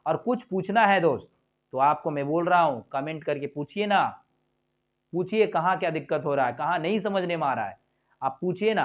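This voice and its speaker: A male English teacher slowly drilling letter sounds and repeating each one patiently, addressing viewers as friends. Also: fairly high pitch. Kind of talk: slow phonics drill lesson.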